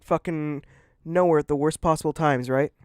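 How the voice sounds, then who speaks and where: A man's voice: a little high, steady tone, normal speed, clean tone. A man hosting a casual podcast chat and reading aloud, blunt and swearing a lot. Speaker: podcast host.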